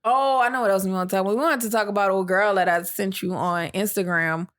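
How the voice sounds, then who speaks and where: A woman's voice: medium pitch, steady tone, quick pace. Woman co-host with a mid-range voice; easygoing, teasing banter. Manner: teasing, laughs often. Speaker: podcast co-host. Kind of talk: casual chat.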